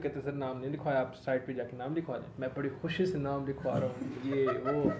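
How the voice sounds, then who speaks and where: Brief: young male panelist, animated storyteller, slightly high voice, roomy sound with faint hiss. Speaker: podcast panelist. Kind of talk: casual storytelling chat. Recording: echoey room with faint noise.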